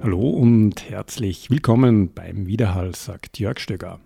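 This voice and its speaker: Over music, this community radio host, a man with an Austrian German accent, introduces topics and interviews a guest in the studio. His voice is fairly low, a little slow and gravelly, and his questions come out hesitant and full of fillers.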